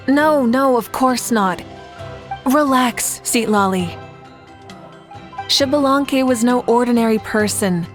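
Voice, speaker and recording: A young warrior leader from a game, with a fairly high voice. She sounds composed and reassuring, with a gentle teasing touch. Music sits quietly behind her. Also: slow pace, long pauses. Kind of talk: video game voice acting.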